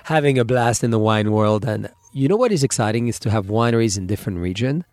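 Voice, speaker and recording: A man's voice: lowish voice, fast talker, a little mellow, dry recording. A man with a heavy French accent, a winery owner speaking as a guest in a casual interview, playful, effusive and grandiose.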